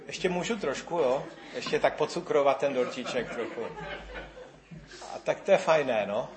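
A man preaches a lively sermon. He drops to a hush, then rises again, and acts out the voices of the people he quotes. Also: mid-range voice, a crowd in the background. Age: 50s.

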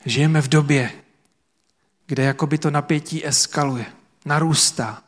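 Man, pastor, sermon, earnest, emphatic pauses, slightly high, long reverb in a big hall. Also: steady tone. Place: church service before about 300 people.

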